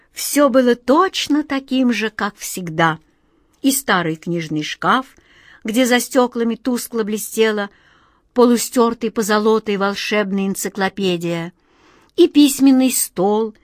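A woman's voice: medium pitch, no echo, studio quality. Woman reading a children's storybook aloud. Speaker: narrator. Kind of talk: scripted storybook narration.

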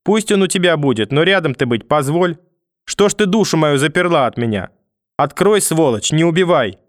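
A man's voice: fairly high pitch, animated, normal speed, no room sound, studio quality, lightly acted. A man voicing a hysterical, manipulative old grandmother who wails, pleads and curses through a door in an audiobook reading. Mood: wailing pleading. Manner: wailing, pleading then cursing through a door.

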